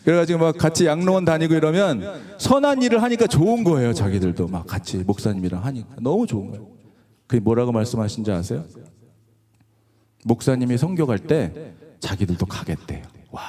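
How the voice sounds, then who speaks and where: Animated middle-aged man preaching. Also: mid-range voice. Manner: animated and conversational, acts out quotes, laughs often. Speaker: guest revival preacher. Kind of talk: sermon with storytelling. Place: church sanctuary.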